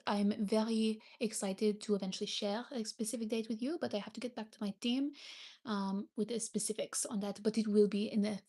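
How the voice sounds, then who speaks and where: A young woman with a noticeable French accent hosts a relaxed livestream chat. Her voice sits a little higher than most, and she talks in a friendly, easygoing way. She greets and thanks viewers and now and then pauses to find the right English word. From France. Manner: chatty, thanks viewers, searches for English words. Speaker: livestream host.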